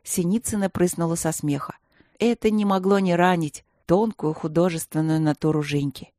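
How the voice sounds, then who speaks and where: Рассказчица детской повести, выразительно, низковато, без эха. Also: female voice, fairly low pitch, fairly even intonation, moderate pace, mellow, no room sound, studio quality. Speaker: narrator. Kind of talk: scripted storytelling for children.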